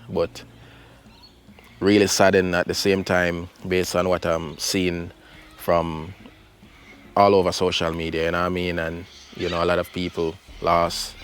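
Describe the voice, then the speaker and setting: A deep-voiced Jamaican man with a Jamaican accent hosts his channel from his backyard garden, chatting in a relaxed way packed with fillers. It's a casual garden vlog, and there's slight background noise.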